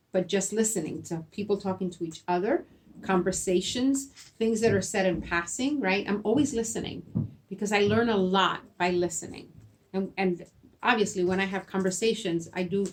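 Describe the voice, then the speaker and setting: In an interview, a middle-aged school principal whose first language is Spanish answers questions earnestly, repeating words as she thinks and frequently tagging on "right?" Her voice is medium in pitch, with slight background noise.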